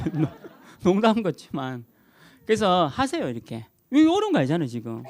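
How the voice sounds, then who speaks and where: Animated male pastor preaching. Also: sits high, normal speed. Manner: animated and emphatic, repeating key words, chuckling at his own jokes. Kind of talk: sermon.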